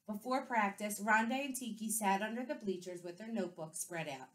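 Expressive woman reading a picture book. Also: mid-range voice, brisk. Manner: clear, expressive storytelling. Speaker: second-grade teacher. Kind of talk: children's book read-aloud.

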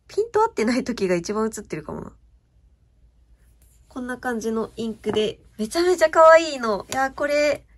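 A young woman chatting casually as she shows off her stationery purchases, gushing and often asking viewers if the sparkle comes across. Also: a little high. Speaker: stationery vlogger. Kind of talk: casual show-and-tell chat.

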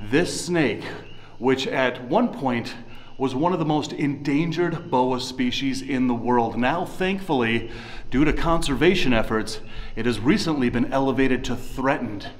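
A man's voice: medium pitch, unhurried, a little hiss or hum. A man in his forties hosting a wildlife adventure vlog, speaking emphatically and informally to viewers. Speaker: wildlife adventure show host. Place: inside a rocky cave. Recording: echoey cave, music behind.

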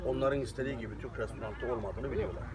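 A man's voice: medium pitch, fairly even intonation, racing, over a noisy crowd. A man chatting casually outdoors, rambling and laughing easily as he talks about cooking for visitors. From Turkey. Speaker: interviewee, Turkish cook living abroad.

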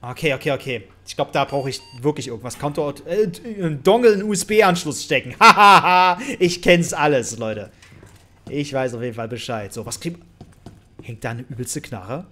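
A woman with a German accent giving jokey, excitable commentary on a horror game, shrieking at scares and chatting to her viewers over a headset mic. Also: very deep voice, moderate pace. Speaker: let's play host. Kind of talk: gaming commentary.

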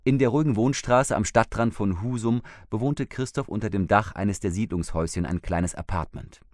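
Deep-voiced male audiobook reader. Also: normal speed, a little mellow, no echo, studio quality. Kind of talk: scripted narration.

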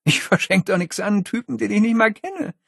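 A man's voice: high-pitched, expressive, brisk, creaky, slightly rough, no room sound, voice pushed up, heavily acted. A man voicing a bored, sarcastic schoolgirl in a storybook reading, with a dry, scornful manner.

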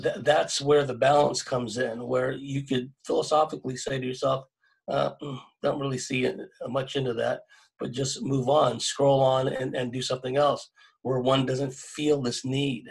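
A man's voice: medium pitch, creaky, slightly rough, poor audio. A middle-aged man from California speaking earnestly on a video-call panel, restarting phrases often and adding "right?" tags. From California, USA. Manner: earnest and exhorting, many restarts, tag questions. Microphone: webcam mic on video call.

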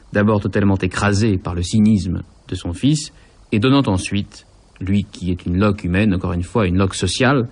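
Man, lecturer, husky, lowish voice, measured explanation. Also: a little mellow. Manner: measured, explanatory, stresses key words. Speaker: lecturer on a philosophy program. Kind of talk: explaining a novel on the radio.

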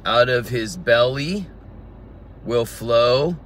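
Man in his own voice, unhurried Bible teacher working through verses outdoors, bright tone, faint traffic behind. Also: mid-range voice, expressive. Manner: reads scripture aloud and explains it verse by verse. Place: outdoors in a garden.

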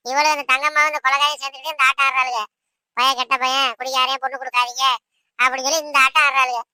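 A chatty village gossip trades news about the neighbours in this cartoon. She talks fast in a bright voice, recorded dry and close. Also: level tone, clear, resonant tone, dry recording. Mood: gossipy. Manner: chatty gossip, lower and softer.

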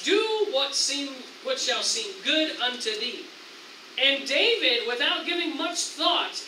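High, bright-voiced preacher in an echoey church. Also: male voice, far from the mic, noisy background. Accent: American. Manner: animated preaching, acts out tempters in excited raised voice. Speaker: pastor. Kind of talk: sermon. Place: church sanctuary.

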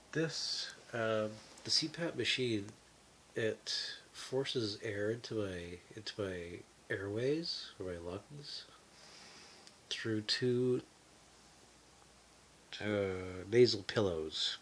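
A man talking from his bed through a breathing mask, his voice nasal and muffled, halting with many fillers. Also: lowish voice, slight background noise. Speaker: vlogger. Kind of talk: casual talk to camera. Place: bedroom, lying in bed.

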